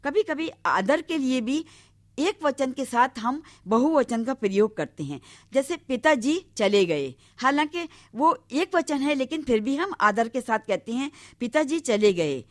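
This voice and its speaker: A woman's voice: sits high, very animated, no echo. Woman lecturer, dry close sound. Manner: measured, explanatory, lists examples one by one. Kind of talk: recorded Hindi grammar lecture.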